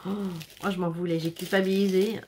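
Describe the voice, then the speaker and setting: A woman's voice: on the low side, little pitch movement, brisk, darkish tone, slight background noise. A woman chatting casually as she unboxes handmade scrapbook albums, exclaiming and laughing often. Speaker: scrapbooking vlogger.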